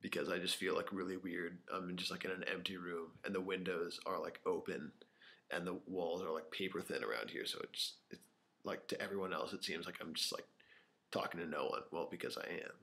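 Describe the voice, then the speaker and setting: A young male vlogger, speaking low, steady, a little fast, with vocal fry and a pushed, bright quality, tells rambling unscripted stories to his camera. He's alone in a small empty room, filling his talk with fillers and sometimes sinking to a whisper, all picked up by the camera microphone.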